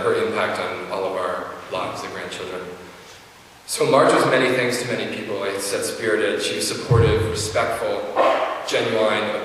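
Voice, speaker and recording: A young man giving a eulogy for his grandmother in a faltering, tender, reflective way, often halting and restarting. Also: on the low side, a bit bright. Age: young adult. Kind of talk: eulogy speech. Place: large reverberant indoor room, recorded from a distance. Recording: very echoey hall, distant mic, faint noise.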